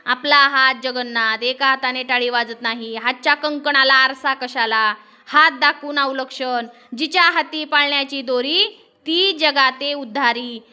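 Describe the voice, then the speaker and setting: An eager schoolboy, read aloud by a woman teacher, earnestly tells his grandmother about his win. The voice is high and bright. It is read to a class in a classroom. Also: steady tone, unhurried, clear, resonant tone, exaggerated voice. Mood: eager, proud. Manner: earnest, proud storytelling.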